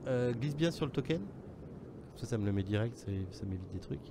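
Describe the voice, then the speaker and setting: A man runs an online tabletop game as game master, keeping it casual, teasing his players and swearing freely. His medium-pitched voice is expressive and a little fast, with background noise behind it.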